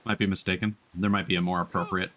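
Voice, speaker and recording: Low-pitched and a bit bright, his voice barely moves in pitch as he talks quickly. The man streams a video game, casually commenting live and hesitantly musing out loud, with the game's battle sounds audible behind him.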